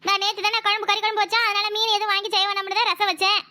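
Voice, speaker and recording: A woman's voice: very high voice, flat delivery, very fast, bright, forceful tone. A woman voicing a mother who defends her children to her father-in-law, with a southern Tamil Nadu accent. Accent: southern Tamil Nadu, Tirunelveli-Kanyakumari. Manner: pleading, then firmly defiant. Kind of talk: cartoon voice acting.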